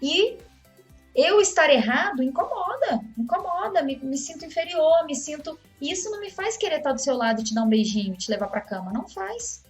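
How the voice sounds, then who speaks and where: Brazilian woman, high voice, conversational coaching talk, faint music behind. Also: sing-song, fairly quick. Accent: Brazilian Portuguese. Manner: conversational, acts out example dialogues. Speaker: course instructor. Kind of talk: motivational talk on communication.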